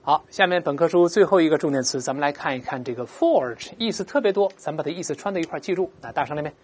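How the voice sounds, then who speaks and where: A woman with a low, husky, slightly mellow voice gives an animated English vocabulary lesson. She explains words patiently, slowly models pronunciations for repeating, and asks "right?" again and again.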